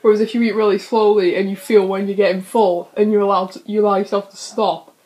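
A young woman chatting casually with a friend during an eating video, easygoing and quick to laugh. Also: mid-range voice, flat delivery, warm tone, rough recording. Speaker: co-host friend. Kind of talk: casual chat.

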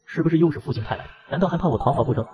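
A man's voice: on the high side, rapid-fire, muffled recording, pitched below the performer's own voice, close to an everyday voice. A man voicing a hot-tempered young nobleman under a curse, speaking in bitter, resentful outbursts within a comic recap. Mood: furious.

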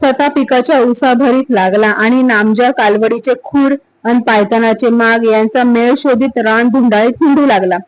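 A woman's voice: a little high, fairly even intonation, normal speed, hardly any pauses, no echo, rough recording. A woman storyteller narrating a village folk tale expressively.

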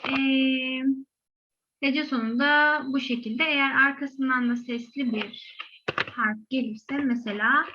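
A woman's voice: high-pitched, muffled recording. A woman with a Korean accent teaching a language lesson patiently, repeating each example word two or three times. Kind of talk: slow step-by-step lesson, repeating example words.

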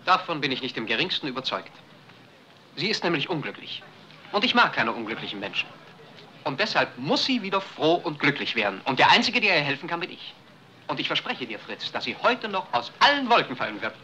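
A man's voice: a little high, a little fast, exaggerated voice. An actor playing a charming young man in a 1950s film, exuberant and playful. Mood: enthusiastic. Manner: exuberant, lively. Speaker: Mario, smitten romantic. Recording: old film soundtrack with hiss.

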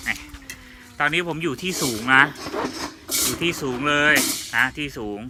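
Man vlogging outdoors over heavy engine noise. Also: normal speed. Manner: chatty, exclamatory, repeats phrases. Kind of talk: casual outdoor vlog narration of a radio range test. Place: outdoors on a rural hill trail, riding a motorbike. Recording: noisy outdoors with engine and vehicle rumble.

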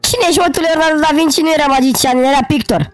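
A man's voice: very high-pitched, background noise, voice pushed up. A man voicing an exasperated young woman who scolds and mocks, repeating her questions. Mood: incredulous. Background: background music.

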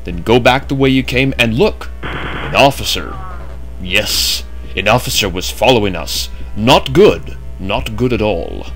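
Just woken up, a man narrates a game walkthrough in a chatty, casual way, tossing in jokey asides. His lowish voice swings widely in pitch and moves a little slow over soft background music.

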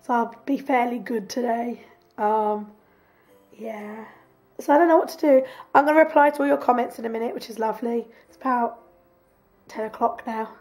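A woman with a hoarse, croaky voice from a cough, chatting casually in a rambling home video diary and laughing often. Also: fairly high pitch, normal speed, darkish tone, soft background music. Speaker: vlogger. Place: home, sofa in front room.

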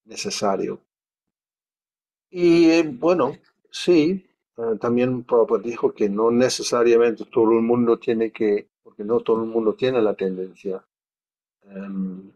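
A man's voice: mid-range voice, darkish tone. A man teaching a study class in a conversational way, thinking aloud and questioning as he goes.

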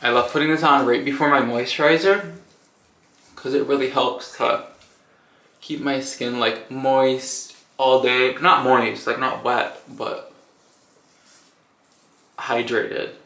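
A man's voice: mid-range voice, fairly even intonation, slow, long pauses, sharp tone. A young man, chatting casually to the camera in a home vlog and rambling with lots of "like". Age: young adult. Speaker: vlogger. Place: home bathroom and bedroom, also car.

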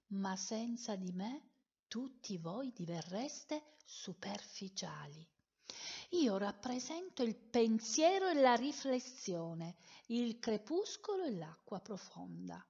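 Woman doing a hushed, quiet male color. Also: medium pitch, slightly rough, exaggerated voice. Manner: hushed, soft, half-whispered. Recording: dull lo-fi sound.

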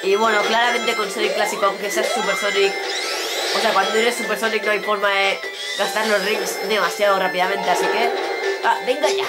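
A woman with a Spain accent and a stuffy, nasal voice from a blocked nose, giving excitable gameplay commentary with loud exclamations. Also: medium pitch, fairly quick. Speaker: gaming YouTuber. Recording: loud game music behind.

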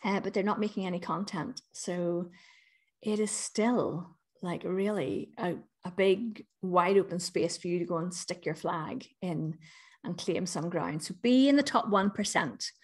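A woman's voice: on the low side, a little slow. A middle-aged woman with a Northern Irish accent giving a chatty, upbeat webinar presentation as a business coach. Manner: chatty, upbeat, lively emphasis.

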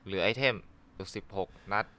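A man's voice: a little fast, background noise. A man playing a horror game and talking to himself, swearing and shrieking when startled. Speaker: gaming streamer. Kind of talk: let's play commentary.

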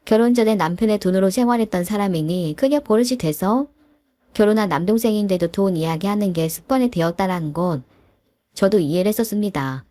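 A woman's voice: medium pitch, fairly quick, mellow, dry recording. A woman telling a family drama story in a plain, exasperated tone. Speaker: narrator.

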